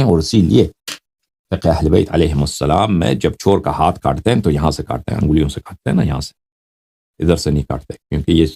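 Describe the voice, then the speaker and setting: A man's voice: rumbling low, warm tone, slightly rough. A man teaching as a religious scholar, reading Arabic phrases and explaining each one, and often checking with his listeners. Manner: reads Arabic then explains in Urdu, checks with "ٹھیک ہے نا". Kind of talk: explaining a hadith text line by line.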